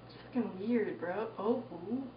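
A woman's voice: fairly high pitch, moderate pace, a crowd in the background. A young woman bantering casually with wry, sweary remarks, recorded by a camera mic in a room at home. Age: young adult. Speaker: friend having her makeup done. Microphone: camera mic a few feet away. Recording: dull, echoey, distant camera mic, faint noise.

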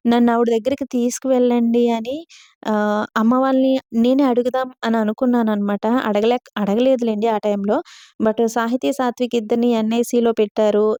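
Soft-toned Telugu woman sharing her story. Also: on the high side, dry recording, clean studio sound. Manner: earnest, confiding, frequent polite "andi". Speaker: vlogger. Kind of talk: personal storytelling vlog.

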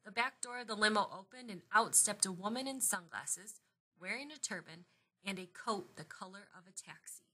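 A woman reading a picture book aloud in an expressive, lively storytelling manner. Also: medium pitch, moderate pace, breathy edge. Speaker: storybook reader.

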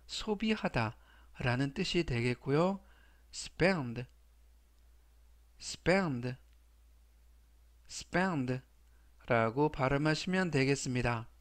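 A man's voice: medium pitch, expressive, measured pace. A man teaching English vocabulary to Korean learners, who is a native Korean speaker. He explains each word politely and formally, then repeats it three times. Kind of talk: slow, deliberate vocabulary lesson.

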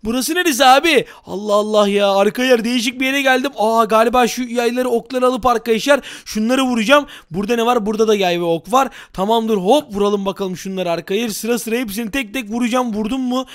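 A young man giving excited, loud gameplay commentary to his viewers, full of exclamations. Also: very high voice, fast talker, few pauses. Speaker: gaming YouTuber.

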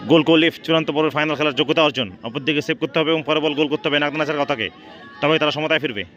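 A man calls a local football match live, talking quickly in a fairly high voice. He leans on repeated stock phrases with the odd English word. Crowd noise carries faintly behind him on the open ground. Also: fairly even intonation, fairly bright tone, muffled recording. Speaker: football commentator. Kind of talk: live penalty shootout commentary. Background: crowd and outdoor noise.

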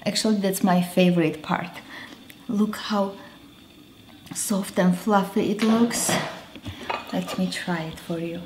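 Slow-talking woman with Armenian accent. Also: mid-range voice, steady tone, a little mellow, slight background noise. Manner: chatty, self-correcting, halting English. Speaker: cooking show host. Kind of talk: casual cooking demonstration. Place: roomy home kitchen, indoors. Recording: echoey kitchen with background music.

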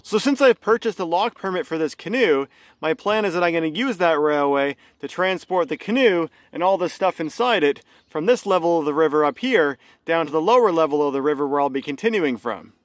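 Man narrating a calm river canoe trip. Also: on the high side, brisk, no room sound, clean studio sound. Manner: calm, informative, tour-guide-like. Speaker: solo canoe vlogger. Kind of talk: casual travel narration. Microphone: phone camera at arm's length.

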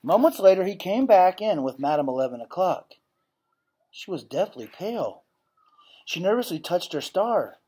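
This man in his thirties performs a storybook reading like a teacher in a classroom, expressive and acting out the dialogue, recorded via webcam or laptop at desk distance. His high-sitting voice is very animated, warm with a breathy edge, at normal speed.

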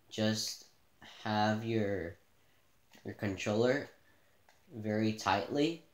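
A man giving a casual gameplay tutorial, relaxed and thinking aloud as he plays in a dim room, filmed by a camera pointed at the TV. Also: on the low side, roomy sound. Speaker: gaming channel host.

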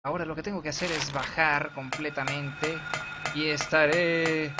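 A man giving jokey live commentary while playing a horror game, shouting at enemies and reading game text aloud. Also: a little high, fairly even intonation, moderate pace, heavy background noise. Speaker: let's player streamer. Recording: game music loud behind voice. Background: game music.

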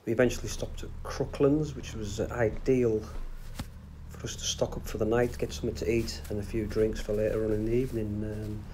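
A man's voice: fairly low pitch, flat delivery, fairly quick, dark tone. A middle-aged man narrating a bikepacking trip casually, outdoors on a canal towpath, with many fillers. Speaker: bikepacking vlogger. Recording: faint outdoor background noise.

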